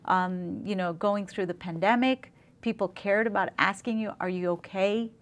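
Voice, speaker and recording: A middle-aged woman from Zambia, a dentist, talking in a casual interview with eager, warm storytelling and frequent fillers. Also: mid-range voice, moderate pace.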